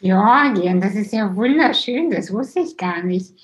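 A woman's voice: medium pitch, expressive, a little slow. A woman from Kazakhstan hosting a casual interview and asking personal questions. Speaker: host.

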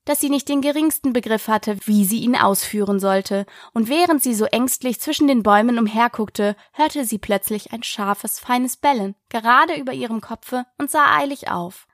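Woman, storybook narrator, steady clear reading, fairly high voice, dry close sound. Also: moderate pace, hardly any pauses, dry recording. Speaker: audiobook reader.

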